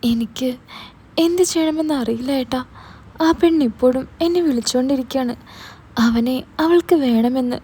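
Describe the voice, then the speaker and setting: A woman's voice: high voice, normal speed, pauses often, dark tone, breathy edge. A woman voicing a heartbroken nineteen-year-old girl who tells her story through tears, in broken, pleading phrases. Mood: tearful.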